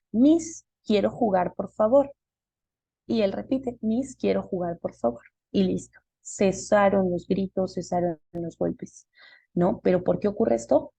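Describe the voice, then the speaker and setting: A woman's voice: medium pitch, gravelly, dark tone, breathy edge, no room sound. A woman giving a live online class, explaining step by step and posing questions she then answers herself. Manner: explanatory, asks and answers her own questions.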